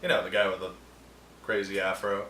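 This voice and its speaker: A man's voice: low voice, little pitch movement, fairly quick, bright, forceful tone, slight background noise. A man hosting a film review show, ranting with sarcasm and animation in a casual, opinionated way. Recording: roomy echo, distant mic, faint ambience.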